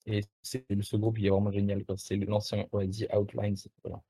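A young man with a slightly low voice chats casually as a guest on a morning stream. He talks in a relaxed, slangy way, stopping and restarting often with lots of fillers. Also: moderate pace, breathy edge. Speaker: musician guest. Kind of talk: casual interview chat.

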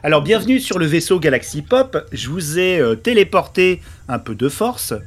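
A man's voice: fairly high pitch, sing-song, normal speed. A man hosting a live podcast event over a voice call, jokey and self-mocking. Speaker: podcast host and jury president. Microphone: voice call over Discord.

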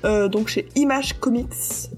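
A woman's voice: on the high side, slow pace, a little mellow, soft background music. A woman presenting her research on a podcast in a hesitant way, with many fillers and restarts. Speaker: podcast co-host presenting research on comic creators. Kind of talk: casual podcast chat.

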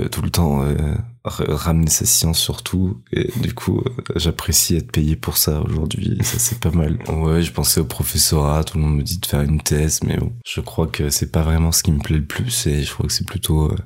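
A man of about thirty talks about his work and life in a very deep, low voice. He hesitates often, filling pauses and laughing between thoughts in an easygoing interview. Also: level tone, a little mellow, slightly rough. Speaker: guest, heritage guide. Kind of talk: casual interview chat.

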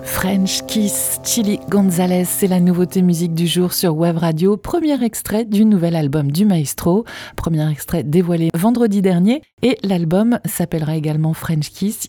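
Warm-voiced woman presenting a radio music segment. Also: fairly low pitch, no echo.

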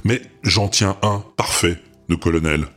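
A man hosts a podcast in a chatty, teasing manner. His voice is low and a little husky. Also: unhurried, fairly bright tone. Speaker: podcast host. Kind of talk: casual podcast announcement.

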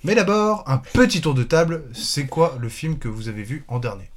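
A man's voice: fairly high pitch, sing-song, moderate pace. A man hosting a casual film podcast, teasing his friends in an upbeat way. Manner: teasing, upbeat, laughs often. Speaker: podcast host.

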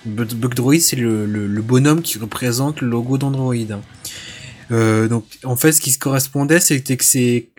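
A man's voice: medium pitch, moderate pace, a little mellow, faint music behind. A man on a casual podcast presenting a tech news item, explaining it with frequent halts and restarts. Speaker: podcast co-host.

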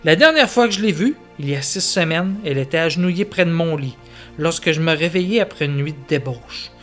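A man's voice: a little high, expressive, fairly quick, a bit bright, faint music behind. A man reading the part of a dying, repentant woodsman who pleads and confesses his wrongs in an audio story. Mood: confessing. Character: dying repentant male woodsman, feverish and frightened.

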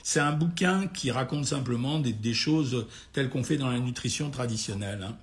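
A man with a gravelly, hoarse, tired voice, informally answering listeners' questions as a doctor in a blunt, familiar way. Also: medium pitch, normal speed. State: tired, a bit worn out. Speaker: doctor hosting a nutrition question-and-answer session. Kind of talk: informal live question-and-answer, reading out comments and replying.

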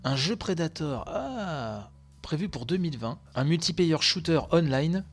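A man hosting a video game news show from home, commenting live on trailers in a casual, excited, slangy way. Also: fairly high pitch, a little slow.

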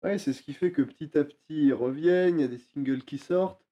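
Male podcast co-host, mellow voice, easygoing sidekick who chimes in. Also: fairly high pitch, fast talker, dull audio. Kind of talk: casual chat.

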